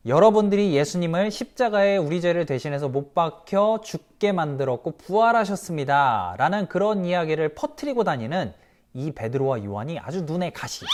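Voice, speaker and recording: A man giving a children's sermon as pastor, telling the story in a lively way, asking the kids questions and acting out the quoted voices. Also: on the high side.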